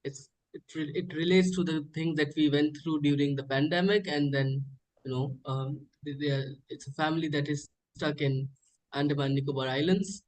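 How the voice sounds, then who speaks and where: A man with an Indian accent hosting an informal interview, phrasing his questions haltingly and repeating words. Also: fairly high pitch, fairly even intonation, darkish tone, poor audio. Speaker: interviewer, host.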